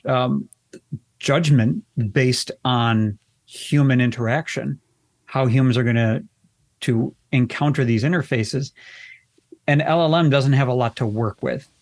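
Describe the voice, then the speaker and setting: Male interview guest, mid pitch, candid and wry, restarts often, dry close sound. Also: dry recording. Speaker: accessibility expert guest. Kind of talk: conversational interview answers.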